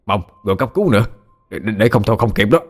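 Man doing a flustered middle-aged villager, urgent, stumbling, low voice. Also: lively intonation, rapid-fire.

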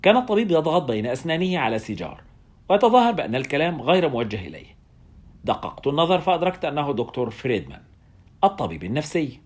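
Husky man reading a novel fast. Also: fairly high pitch. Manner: animated, dramatic first-person reading. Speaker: audiobook narrator. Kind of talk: scripted narration of a novel.

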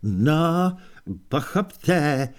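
A man voicing a nervous, cowardly wizard who speaks in a measured, anxious way. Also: fairly high pitch, expressive, clean tone, natural voice. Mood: fretting.

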